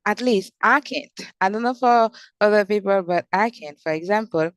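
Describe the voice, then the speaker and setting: Polite woman with a smooth voice. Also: mid-range voice, moderate pace, no echo. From Haiti. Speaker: debate participant. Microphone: video call.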